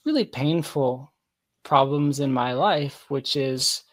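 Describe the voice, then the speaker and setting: A tech founder guesting on an interview chats casually and reflectively, feeling his way toward the right words. His medium-pitched voice moves slowly, captured at studio quality with no echo.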